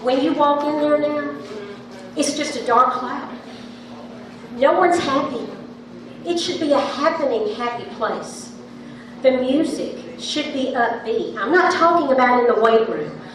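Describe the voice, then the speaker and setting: This woman's voice is high-pitched, with lively intonation and a measured pace, and it carries big as she makes a public comment at a town hall meeting. Impassioned and insistent, she keeps repeating herself to press her case. A handheld microphone held at a distance captures her in a large, echoing room full of background noise.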